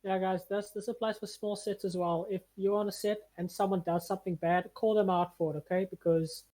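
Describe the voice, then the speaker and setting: A woman's voice: medium pitch, fairly even intonation, fairly quick, dark tone. A young woman co-hosting a podcast in casual chat, teasing and bantering playfully. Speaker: podcast co-host.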